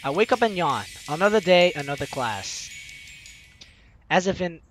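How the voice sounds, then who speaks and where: Reading a visual novel aloud as a let's play host, this man expressively acts out reactions and drops playful asides. His voice is a little high, very animated and fairly bright, moving at a moderate pace over background game music.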